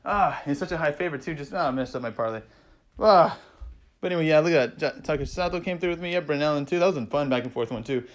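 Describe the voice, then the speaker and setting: A man casually recapping fight results, excitable and rambling, swearing freely and peppering his talk with "man" and "you know". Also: fairly high pitch, quick pace. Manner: acts out fighters' thoughts in quoted asides. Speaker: MMA vlogger recapping fights.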